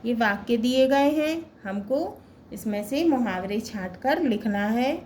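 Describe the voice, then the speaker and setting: A woman's voice: a little high, animated, measured pace, darkish tone, a little hiss or hum. A woman teacher working through a textbook exercise. She reads out each question and its answer, and reads word lists aloud one word at a time. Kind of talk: slow, deliberate textbook lesson.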